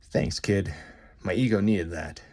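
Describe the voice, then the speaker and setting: A man voicing a furry beast superhero, a brainy gentleman who talks in wry, hesitant, self-mocking asides. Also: deep voice, unhurried, pitched below the performer's own voice.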